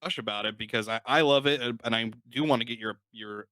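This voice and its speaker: A man's voice: mid-range voice, fast talker, bright, forceful tone, no echo, low-quality recording. A man co-hosting a podcast, talking casually and rambling about a film with many "like" fillers. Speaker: podcast co-host.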